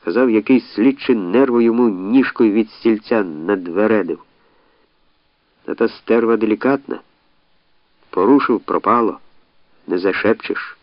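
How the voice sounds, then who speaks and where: A man voicing a rough, loyal soldier who talks earnestly and plainly to his commander. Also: fairly low pitch, a little slow, pauses often, no echo, highs cut off. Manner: earnest, folksy storytelling.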